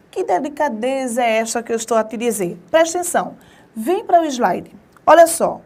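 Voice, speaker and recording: A woman teaching a grammar lesson online, emphatic and repeating warnings to pay attention, slowing down to spell words out syllable by syllable. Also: a little high.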